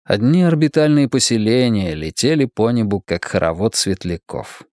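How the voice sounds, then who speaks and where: A man's voice: fairly low pitch, lively intonation, moderate pace, darkish tone, no echo, studio quality. A man reading a novel aloud as the first-person narrator, telling the story expressively. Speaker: audiobook narrator.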